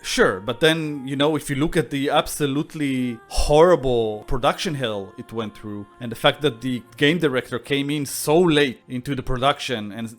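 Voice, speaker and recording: A man co-hosting a casual podcast, ranting with exasperated, profane outbursts. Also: mid-range voice. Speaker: co-host.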